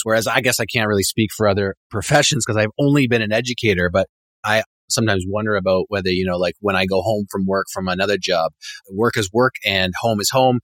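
A man's voice: lowish voice, a bit bright, no room sound. A man co-hosting a podcast, an educator who talks thoughtfully and hedges with "I think" and "kind of". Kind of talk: podcast interview.

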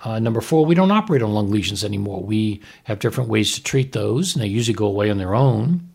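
Fast and animated, this man's lowish voice comes across gravelly, husky and darkish in tone. As host of a casual podcast, he reviews a TV episode from his perspective as a fetal surgeon, explaining medical matters conversationally and punctuating them with "right?"

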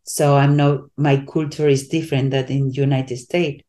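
A woman from Spain with a Spanish accent, a coach being interviewed, speaking haltingly and searching for English words with many restarts. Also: a bass voice, little pitch movement, warm tone. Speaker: coach, guest. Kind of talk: casual interview talk.

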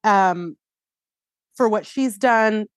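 A woman's voice: medium pitch, extremely slow, smooth, no room sound, clean studio sound. A woman co-hosting a casual gossip chat, sassy and joking, peppering her sentences with "like". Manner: peppers speech with "like". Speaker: co-host.

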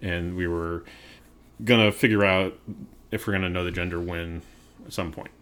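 Young male podcast host, very low voice, chatty and rambling. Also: moderate pace. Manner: animated, rambling with many likes, gets loud when emphatic. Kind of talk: casual chat.

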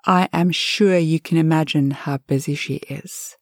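A woman's voice: low voice, fairly even intonation, a little slow, dry recording, studio quality. A woman voicing a cheerful, chatty woman telling a street about her sister in a storybook reading. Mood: friendly. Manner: friendly, chatty.

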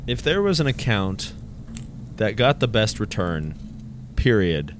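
A man's voice: fairly low pitch, very animated, unhurried, slight background noise. A man co-hosting a personal finance podcast, chatting casually with jokes and rambling restarts. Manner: joking, self-deprecating, rambling with restarts. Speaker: podcast co-host. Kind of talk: casual chat.

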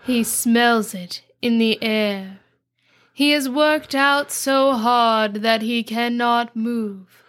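Mock-epic fantasy narrator, female podcaster acting, grave, mystical and hushed. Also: on the high side, extremely slow. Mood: solemn, portentous.

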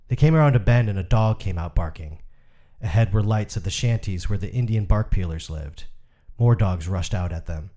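A man giving a scripted literary narration, reading in a measured, unhurried way. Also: deep voice, warm tone.

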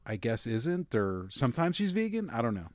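A man's voice: medium pitch, very animated, moderate pace, no echo, clean studio sound. A man hosting a casual podcast, talking in a wry, easygoing way with some hesitation. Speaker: podcast host.

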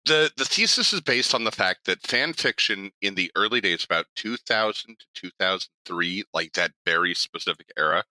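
A young man co-hosting a podcast in casual chat, animated and laughing, with quick swearing asides. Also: deep voice, no echo, poor audio. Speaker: podcast co-host.

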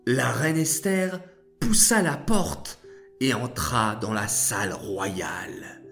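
A man narrating a children's story in a slow, deliberate storytelling voice. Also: medium pitch, lively intonation, vocal fry, fairly bright tone. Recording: faint background music.

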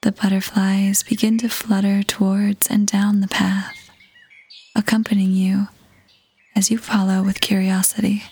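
Over background music, a female guide reads a scripted meditation in a hushed, breathy voice that barely rises above a whisper. She speaks very slowly at a steady pitch, calm and gentle, leaving long pauses.

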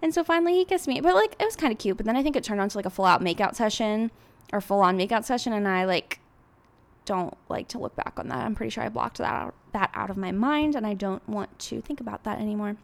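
A woman's voice: medium pitch, quick pace, creaky. A woman in her twenties telling personal stories in a casual confessional vlog, chatty and rambling, with lots of filler words. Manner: chatty, heavy use of "like", rambling. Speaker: vlogger.

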